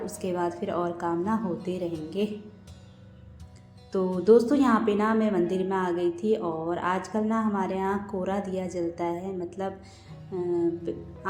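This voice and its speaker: Mellow-voiced woman chatting over her routine. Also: lowish voice. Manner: chatty, often addresses viewers as friends. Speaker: home vlogger and mother. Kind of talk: casual voice-over narration of a daily routine. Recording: roomy echo with faint background music.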